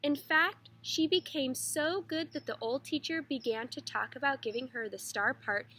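A woman teacher reading a children's picture book aloud in a clear, expressive way. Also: high-pitched, moderate pace.

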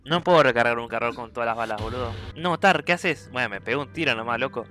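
A man's voice: mid-range voice, quick pace, bright, forceful tone, faint music behind. A young man with an Argentine accent commentating a horror game as a streamer, jumpy, screaming and swearing often while joking around. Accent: Argentine Spanish. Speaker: gaming streamer.

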